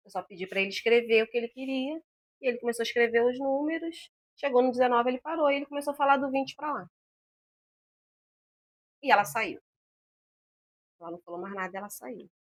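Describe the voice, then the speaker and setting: A woman's voice: fairly high pitch, fast talker, long pauses. A woman, an interview guest telling a personal story about her son and acting out the voices of the people in it. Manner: animated, acts out the dialogue she recounts. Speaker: interview guest, mother of a patient.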